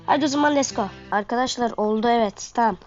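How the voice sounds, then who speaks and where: A woman's voice: on the high side, fast, darkish tone, faint music behind. A woman with a congested, sniffly nose giving casual, slangy gameplay commentary to her viewers. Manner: slangy, talking to viewers while playing. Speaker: gaming video host. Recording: dull lo-fi microphone sound.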